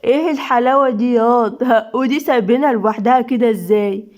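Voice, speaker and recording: A woman's voice: a little high, quick pace, darkish tone, lightly acted. A woman voicing a rude young male street thug with an Egyptian accent, taunting in an audio story. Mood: insolent. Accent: Egyptian Arabic.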